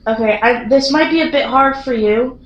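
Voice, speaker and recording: A woman vlogging a ghost investigation in an excitable, spontaneous way, putting questions and requests to a spirit and often rephrasing them. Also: sits high, normal speed, lo-fi sound. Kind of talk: spontaneous vlog narration while addressing a spirit with questions. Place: echoey room inside a castle. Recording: roomy echo, some background noise.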